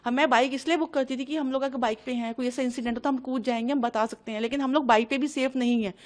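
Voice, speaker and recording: A woman's voice: high-pitched, steady tone. A woman from Delhi giving an agitated first-person account to a reporter, re-enacting the exchanges as she tells it. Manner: agitated, fast, re-enacting dialogue. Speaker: interviewee recounting an incident.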